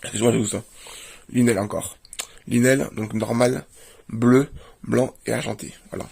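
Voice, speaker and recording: A man's voice: mid-range voice, fairly even intonation, moderate pace, gravelly, a little mellow, a little hiss or hum. A man, a video creator, doing a casual show-and-tell and plainly listing items one after another. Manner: plainly lists items while leafing through a book.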